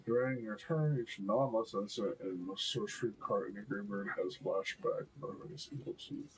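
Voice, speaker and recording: Quiet deep-voiced man thinking aloud. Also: moderate pace, a little hiss or hum, rough recording. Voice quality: deep, low voice. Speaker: gameplay commentator. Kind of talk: casual gameplay commentary.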